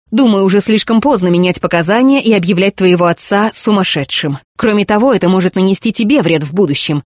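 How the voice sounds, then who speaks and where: A woman's voice: fairly low pitch, no echo, clean studio sound. A woman voicing a desperate widowed mother with a cracked, harsh voice in an audiobook. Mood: bitter. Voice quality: cracked, harsh when shouting. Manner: bitter, pleading, then fierce. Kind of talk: audiobook character reading.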